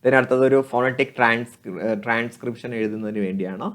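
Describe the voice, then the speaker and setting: A male coaching teacher works through exam questions in a measured, patient way. He reads each English question slowly, then explains it plainly, repeating the answer with a friendly tag. His voice sits close to the mic as a voice-over. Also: mid-range voice, fairly bright tone. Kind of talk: exam question walkthrough lesson.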